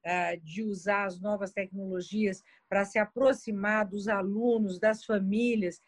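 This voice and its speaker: A woman's voice: mid-range voice, fairly even intonation, unhurried, dry recording. A woman, speaking reflectively as a guest in a panel discussion on education.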